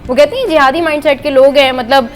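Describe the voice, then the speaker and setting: A woman with a Pakistani accent reporting entertainment news on a TV show, chatty and agreeing with a steady "ji". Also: sits high, fast talker, a little hiss or hum. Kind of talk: news chat. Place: TV studio.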